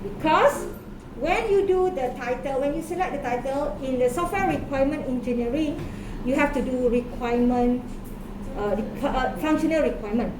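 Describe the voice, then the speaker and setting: A woman's voice: sits high, moderate pace. A woman lecturer with a Malaysian accent explains informally in colloquial, slangy Malaysian English, repeating her instructions. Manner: repetitive instructing with slangy particles like lah and ah. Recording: noisy echoey classroom, distant mic.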